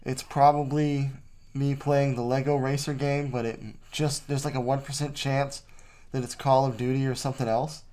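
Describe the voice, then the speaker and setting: A man's voice: medium pitch, level tone, normal speed, mellow. A man recorded too close to the mic, hosting a casual vlog voice-over in a rambling, jokey way. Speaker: vlog host.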